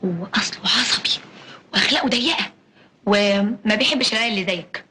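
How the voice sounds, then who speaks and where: A woman's voice: mid-range voice, fast, pushed and bright, reverberant, close to an everyday voice. An actress playing a sly, coaxing woman who frightens a naive girl, in a classic film. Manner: coaxing, mock-scary storytelling. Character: scheming older sister figure, sly and coaxing. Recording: noisy old film soundtrack.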